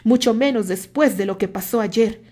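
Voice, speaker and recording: A woman's voice: fairly high pitch, moderate pace, mellow, natural voice. A woman voicing a self-assured man who talks firmly and cuttingly. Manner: firm, cutting delivery. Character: self-assured man, firm and mocking rival.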